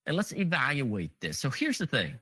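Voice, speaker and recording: A man giving a conference talk, talking through a live demo as he goes. His voice is bright and forward, and it rises and falls a lot. The sound is dry and close, with no room echo. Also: mid-range voice, wildly swooping pitch, moderate pace, breathy edge. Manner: thinks aloud, counts items on screen, frequent fillers. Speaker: conference presenter. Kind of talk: live technical demo walkthrough.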